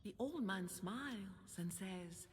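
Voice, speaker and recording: A woman narrating a medieval game story as a noble queen storyteller, in a measured, calm manner. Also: medium pitch. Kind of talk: scripted narration. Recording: long hall reverb with faint noise.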